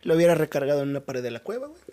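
A man with a Mexican accent in casual conversation, telling a mystery story in a lively way, full of slang and rhetorical questions. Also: fairly high pitch, very fast. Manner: animated, drops "güey" constantly, rhetorical questions.

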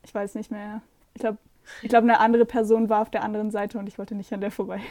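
A young woman co-hosting a podcast, soft-spoken and telling a short story in casual chat. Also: medium pitch, flat delivery, quick pace. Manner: soft-spoken, brief replies.

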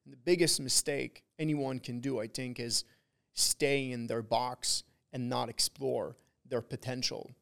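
Slightly slow and steady, his medium-pitched voice is smooth, a bit bright, and touched with vocal fry. The podcast guest, a trader who runs a trading community, chats like a frat bro, saying bro and dude and swearing as he preaches, repeating points emphatically in a casual motivational conversation.

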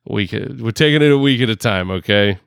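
A man with a low, gravelly, yet clean and full voice rambles through a casual podcast chat. He laughs often and leans on fillers, hamming up a New York accent. The recording is dry and close to the mic. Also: a little fast, fairly bright tone, no echo. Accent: put-on New York. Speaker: podcast host. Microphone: headphones and home podcast rig.

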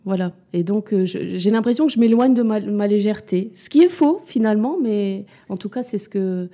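This mellow, medium-pitched voice belongs to a woman in her forties who is both a mother and a business owner. Animated and fairly quick, she responds to interview questions openly, often pausing, restarting and using fillers as she reflects.

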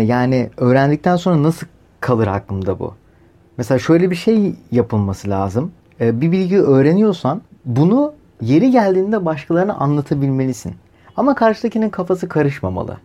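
A man hosting a podcast, talking in a loose, opinionated monologue full of rhetorical questions. His voice sits a bit higher than most men's but sounds mellow and warm. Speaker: podcast host. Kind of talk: casual monologue.

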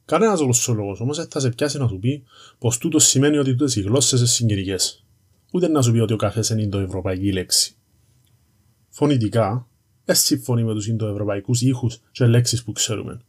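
Mellow, husky Cypriot Greek man narrating. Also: medium pitch. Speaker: presenter of an educational series on language history. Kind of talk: conversational scripted narration, explaining and storytelling.

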